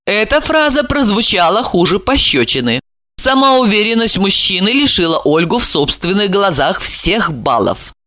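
A woman narrating an audiobook in an expressive storytelling manner. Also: medium pitch, moderate pace, no echo, clean studio sound. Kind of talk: scripted narration.

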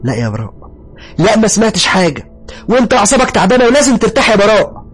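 A man voicing a worried young new bride with an Egyptian accent, pleading and high-strung in a spoken horror story. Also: very fast, gravelly, a little mellow, slightly rough, soft background music. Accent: Egyptian Arabic.

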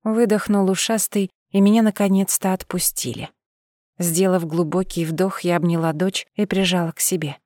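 A woman reading a first-person audiobook in a steady, expressive voice. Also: on the low side, normal speed, no echo, clean studio sound. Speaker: audiobook narrator.

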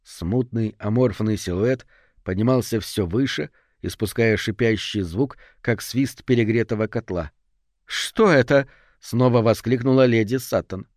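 A man reading a horror story aloud in steady, measured audiobook narration. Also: on the low side, dry recording, clean studio sound.

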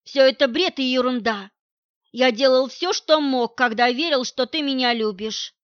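A woman's voice: fairly high pitch, unhurried, a bit bright, no room sound. A woman reading an audiobook, voicing a man who scornfully and coldly rejects his partner in a harsh, cutting way. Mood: angry scorn. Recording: dull lo-fi recording.

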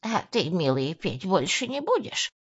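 A woman voicing an elderly woman who mumbles toothlessly in a soft, slow, quiet way. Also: fairly low pitch, sing-song, breathy edge, no room sound, exaggerated voice. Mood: fond, wistful. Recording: dull lo-fi audio.

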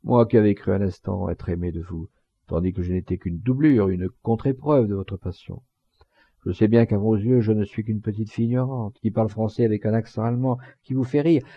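A man voicing a heartbroken young German girl who reproaches her lover in a slow, soft-spoken reading. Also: fairly low pitch, breathy edge, no room sound, highs cut off. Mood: hurt, tender.

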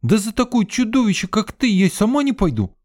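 A man voicing a shrill, bossy young woman. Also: sing-song, brisk, darkish tone. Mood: scolding. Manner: scolding, shrill and exasperated. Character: bossy young female student cook, quick-tempered.

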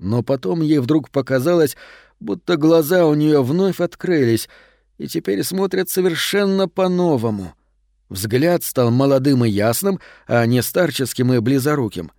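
A man narrating a fairy tale audiobook in a calm, measured storytelling manner. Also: mid-range voice, no echo, studio quality.

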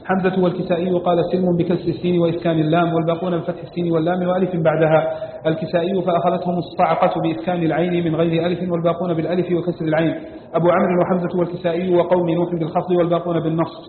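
Male reader, rapid level recitation, slightly high voice, roomy hall, phone-like sound. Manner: fast, even reading with little pitch movement. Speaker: student reading a text aloud. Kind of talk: rapid recitation of a classical text. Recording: echoey hall on a tinny, hissy line.

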